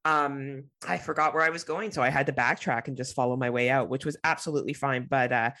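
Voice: mid-range voice, fairly even intonation, fast, bright, forceful tone, dry recording. Podcast host w/ a stuffy nasal cold voice, chatting casually and joking around, dry sound. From Canada. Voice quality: nasal, congested voice. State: has a cold.

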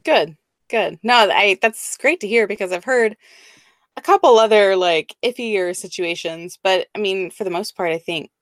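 A woman of average pitch hosts a podcast interview. She asks questions in a friendly way and often backs up her guests with short affirmations. Her voice sounds dry and close. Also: moderate pace, no room sound. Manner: friendly asking, frequent "right, right". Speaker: podcast host.

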